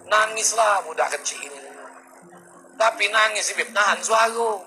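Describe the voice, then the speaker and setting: A man's voice: high voice, a little slow, bright, forceful tone, rough recording. A male preacher, giving a humorous sermon full of stories and acted-out quotes. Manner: jokey storytelling with acted-out quotes.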